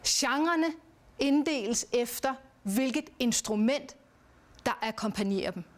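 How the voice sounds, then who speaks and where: A woman giving a recorded lesson on poetry, speaking in a measured way and chanting verse rhythms aloud. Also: fairly high pitch. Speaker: teacher. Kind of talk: educational lecture.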